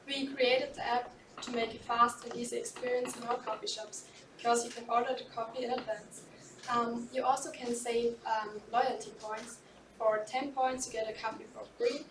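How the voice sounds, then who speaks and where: A woman's voice: a little high, level tone, moderate pace. Seventeen-year-old girl presenting in an echoey room. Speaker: student presenter. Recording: echoey room, distant mic, noise.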